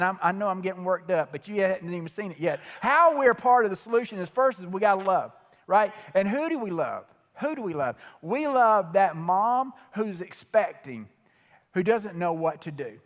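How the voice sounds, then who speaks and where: Male pastor, high-pitched, impassioned sermon delivery, reverberant hall. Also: a bit bright. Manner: impassioned, repetitive, speeds up and slows down. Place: church sanctuary.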